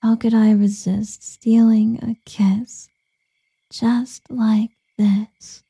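A woman voicing a seductive, doting female succubus lover in an ASMR roleplay, whispering softly and cooing pet names. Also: a little high, little pitch movement, extremely slow, slightly rough, no room sound, full character voice.

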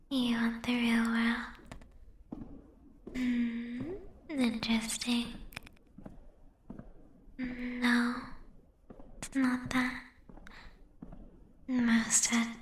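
A woman voicing a playful, teasing female dream spirit in a soft, giggly whisper for a whispered ASMR roleplay. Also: on the high side, a little hiss or hum. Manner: teasing, flirty. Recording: roomy echo.

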